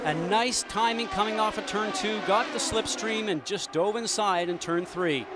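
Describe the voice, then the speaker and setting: A man's voice: sits high, normal speed. A man giving live motorsport commentary as the analyst, in an explanatory, technical way. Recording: loud race car engine noise behind. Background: race cars and outdoor track noise.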